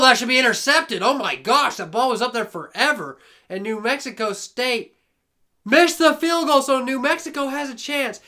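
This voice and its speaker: A young man calls a video game match play by play, his voice pitched very high and bright. He sounds hoarse from shouting and keeps the hype going while chatting to viewers like a friend. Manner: hyped, exclamatory, talks to viewers like a buddy. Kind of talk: excited play-by-play commentary.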